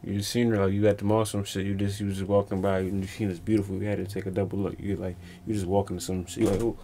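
A man's voice: deep voice, little pitch movement, quick pace, mellow, a little hiss or hum. A young man co-hosting a reaction video, chatting casually with loose slang, jokes and frequent restarts. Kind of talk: casual chat.

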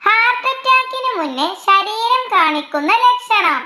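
A woman reading out quiz questions, their options and the answers in a slow, measured way, dropping her pitch for each list of options. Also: expressive, sharp tone, echoey room. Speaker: quiz reader.

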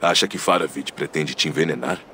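An actor playing a stoic, honourable and solemn Viking warrior in a video game. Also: male voice, rumbling low, brisk, bright, forceful tone, a little hiss or hum. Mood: grave, measured. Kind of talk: dramatic video game dialogue.

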